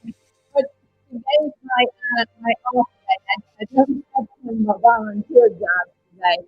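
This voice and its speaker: Give me a woman calling into a live show, her husky voice on a glitchy call line that keeps breaking up. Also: on the high side, normal speed, dry recording, highs cut off, faint music behind. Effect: glitchy call audio breaking up. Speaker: caller joining a live stream. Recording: glitchy online call audio, dry.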